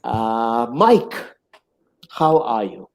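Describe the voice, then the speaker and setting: Middle-aged male interview host, unhurried and deliberate, thoughtful and philosophical, heard over a video call. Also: mid-range voice, big pitch swings, low-quality recording. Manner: measured, reflective, philosophical. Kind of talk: reflective interview hosting.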